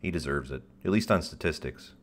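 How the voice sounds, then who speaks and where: Expressive and fairly quick, this man hosts a casual livestream chat in a deep radio voice, rambling in fits and starts with dry self-mockery and offhand swearing. Slight background noise is present.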